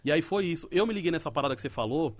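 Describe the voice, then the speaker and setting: A man's voice: fairly high pitch, lively intonation, rapid-fire. A man telling a story in a casual, slangy podcast chat. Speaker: podcast guest.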